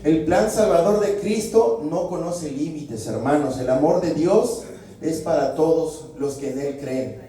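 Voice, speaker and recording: A man's voice: a little high, expressive, measured pace, dark tone. A man preaching a sermon and leading prayer with fervor, punctuating his phrases with calls to the Lord. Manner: fervent, peppers phrases with "Señor" and "gloria al Señor". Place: church hall. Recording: echoey hall, mic far off.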